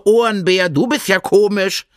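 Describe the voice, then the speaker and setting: Storybook rabbit, male, young, cheeky, teasing, high bouncy voice, played by a man, dry recording. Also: normal speed, no room sound, lightly acted.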